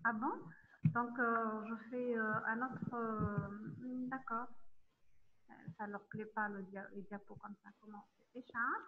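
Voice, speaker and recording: Give me a woman lecturer teaching online, hesitant and full of fillers, a little high, on a tinny phone-like line. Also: steady tone, slight background noise. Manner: halting, many fillers, checks in with students. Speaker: university lecturer.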